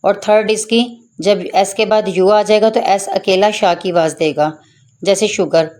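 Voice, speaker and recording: Pakistani lady teacher going thru phonics, drags the words out slow, mid pitch. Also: steady tone, darkish tone. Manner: slow, drawn-out word repetition. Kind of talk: phonics lesson for beginners.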